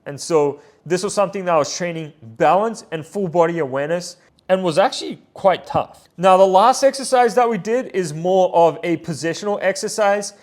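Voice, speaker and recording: High-voiced man coaching in voice-over. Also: animated, moderate pace. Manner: explanatory, checks in with "right?" and "okay?". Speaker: pitching coach and channel host. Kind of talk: instructional voice-over.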